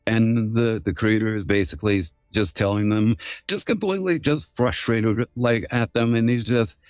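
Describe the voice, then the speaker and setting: A man's voice: lowish voice, normal speed, a little mellow, dry recording, studio quality. A man streaming live through a voice changer, chatting casually with rambling, filler-heavy sentences that often restart. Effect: voice changer altering his voice.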